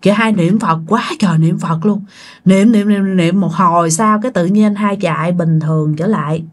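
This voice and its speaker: A woman's voice: lowish voice, moderate pace. A woman with a Southern Vietnamese accent telling a ghost story in a chatty, casual way, addressing her listeners directly.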